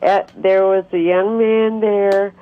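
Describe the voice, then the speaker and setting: Slow, muffled older woman radio show caller. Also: mid-range voice, flat delivery, heavy background noise. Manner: earnest, insistent storytelling. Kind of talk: radio show caller telling a personal story. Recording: dull, muffled phone call audio.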